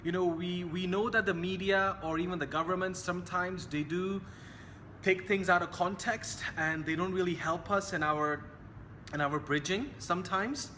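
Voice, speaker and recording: A young man from Hong Kong talks in a bright, high voice with an earnest, repetitive manner, circling back to the same phrases. His voice rings with a long reverb, and a faint hiss sits underneath. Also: steady tone, normal speed. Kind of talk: casual talk to camera.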